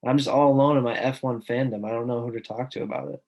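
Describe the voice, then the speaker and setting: A man's voice: medium pitch, fairly even intonation, fast talker, creaky, darkish tone, highs cut off. Earnest, enthusiastic young male co-host. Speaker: podcast co-host. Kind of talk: casual podcast chat.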